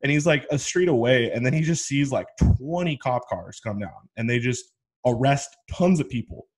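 Young male podcast host, mid-pitched voice, loose and slangy, tells stories in a rambling, chatty way. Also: animated, normal speed, darkish tone, a little hiss or hum. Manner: chatty storyteller, slangy, many restarts. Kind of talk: casual podcast chat.

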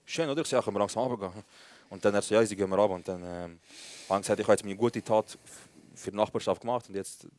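A young man with a Swiss German accent, co-hosting a live comedy podcast and telling slangy, animated anecdotes full of acted-out dialogue. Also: lowish voice, rapid-fire, hardly any pauses, no echo. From Switzerland. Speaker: podcast co-host.

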